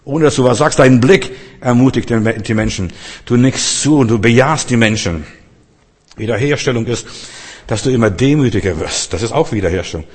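A man's voice: mid-range voice, brisk, darkish tone, husky. A man preaching a sermon, earnest and repetitive, speaking straight to his listeners. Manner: earnest, repeats phrases, addresses listeners directly. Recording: long reverb of a church hall.

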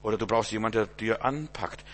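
A man's voice: lowish voice, fairly quick. A male pastor, around his fifties, giving an informal sermon in a conversational way, with rhetorical asides and stammered repeated words.

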